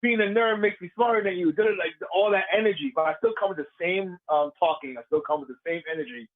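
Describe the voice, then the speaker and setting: A man, a professional wrestler, telling stories in a casual interview, lively and laughing as he acts out the crowd's voices. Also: high voice, fast, phone-quality sound. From Puerto Rican heritage.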